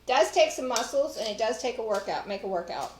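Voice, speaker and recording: Her voice a little high, expressive and a little mellow, this cooking show host talks at a quick pace. She's a middle-aged woman with a Texas accent, chatting to viewers while she works through a recipe in her home kitchen. The far camera captures echo, clattering dishes and slight hiss or hum.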